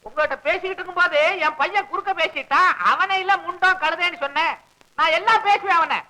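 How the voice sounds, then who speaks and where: An actor playing a loud, panicky father in a comic film scene, wailing and shouting in rambling outbursts. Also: very high-pitched, fast talker, exaggerated voice, low-quality recording. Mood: frantic. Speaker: father who lost his money. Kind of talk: 1960s film comedy acting.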